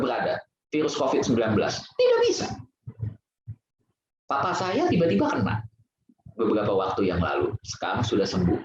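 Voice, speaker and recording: A man giving a casual Buddhist Sunday sermon in a temple hall, chatty and conversational, often laughing at his own jokes. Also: on the low side. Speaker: Buddhist Dhamma speaker. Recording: very echoey, dull lo-fi hall recording.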